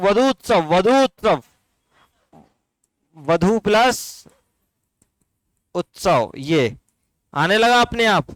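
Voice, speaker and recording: A man teaching a Hindi grammar class, slowly drawing out and repeating words for his students, with a Rajasthani Hindi accent. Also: sits high, a bit bright, clean tone, no echo.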